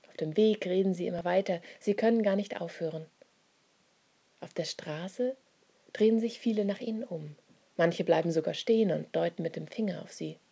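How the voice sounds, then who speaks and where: Husky woman reading a Bible story. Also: lowish voice, normal speed. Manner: soft, often half-whispered.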